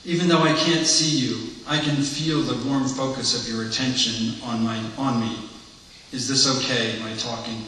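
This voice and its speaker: A man's voice: mid-range voice, steady tone, normal speed, sharp tone, slight background noise, natural voice. A man reading the part of an earnest blind man confiding his past to a priest, in a candid, reflective monologue, heard in an echoey hall from far off.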